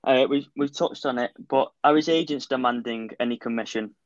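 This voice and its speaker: A man's voice: mid-range voice, brisk, dry recording. Male interviewer on a dull lo-fi line. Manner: short prompting questions and brief acknowledgments.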